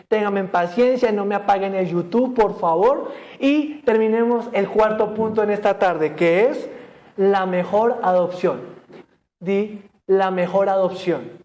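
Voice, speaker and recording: Pastor guy preaching a sermon, kinda high voice, jokes around and quizzes the crowd. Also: a little mellow. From Colombia. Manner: asks the congregation questions, jokes and laughs. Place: church service streamed online.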